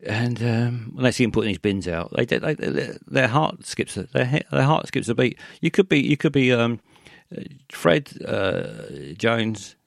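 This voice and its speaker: A man hosting a call-in radio show, rambling in a halting way with many fillers and restarts. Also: medium pitch, very animated, gravelly, no echo, studio quality.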